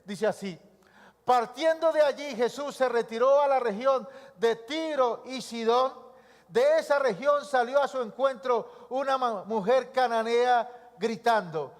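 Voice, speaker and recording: A male pastor preaching a sermon in a church, posing rhetorical questions and answering them himself. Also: very high-pitched. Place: church sanctuary. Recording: long church-hall reverb.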